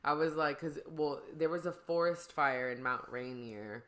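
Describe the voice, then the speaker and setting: A woman's voice: low voice, normal speed, a bit bright. A woman hosts a casual podcast chat. She talks in a loose, rambling way, full of slang, as if catching up with a friend. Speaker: podcast host.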